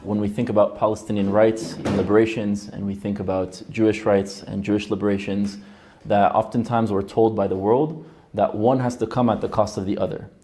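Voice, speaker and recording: Low-voiced, composed male activist. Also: little pitch movement, brisk, mellow. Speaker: rights activist. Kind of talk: panel discussion. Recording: faint background music.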